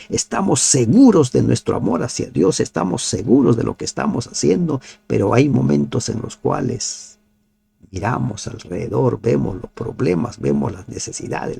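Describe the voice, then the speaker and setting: A man giving a devotional Bible commentary, asking his listeners rhetorical questions and dropping to soft, nearly whispered pleas. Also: mid-range voice, vocal fry, breathy edge. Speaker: Bible teacher.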